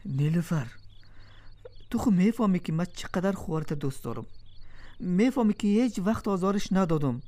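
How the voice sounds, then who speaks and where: A woman's voice: on the low side, lively intonation, long pauses, dark tone, natural voice. A woman voicing a husband accused of cheating, exasperated and pleading.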